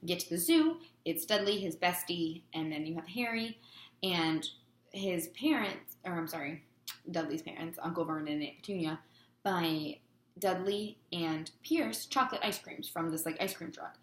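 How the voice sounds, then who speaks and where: A woman's voice: on the low side, moderate pace, reverberant. A woman teacher giving a chatty chapter review for her students, with lots of fillers.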